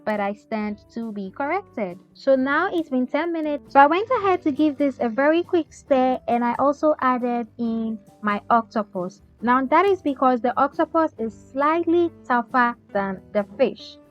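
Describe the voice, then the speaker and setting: A woman's voice: sits high, animated, normal speed, few pauses. Chatty woman teaching a recipe. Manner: chatty, often ends with "okay?". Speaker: cooking channel host. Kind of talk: cooking tutorial voice-over. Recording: slightly dull sound with faint music.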